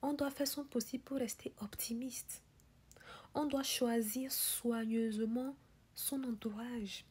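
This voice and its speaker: Female motivational speaker, very husky and whispery, mellow tone, insistent questions and refrains. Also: on the high side, steady tone, takes it slowly. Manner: whispery, breathy delivery. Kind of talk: motivational speech.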